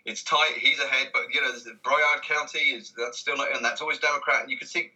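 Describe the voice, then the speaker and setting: A British comedy writer chats casually as an interview guest, his mid-range voice steady, fast and sharp-toned on a rough recording. He hesitates and rambles, frequently breaking off to restart his sentences.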